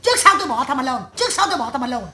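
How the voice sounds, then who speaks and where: A woman's voice: high-pitched, big pitch swings, racing, bright, forceful tone, slight background noise, exaggerated voice. A woman medium voicing the spirit of a stern old great-grandmother in a séance, scolding her family in a harsh, crude tirade full of curses. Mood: ranting. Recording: echoey room.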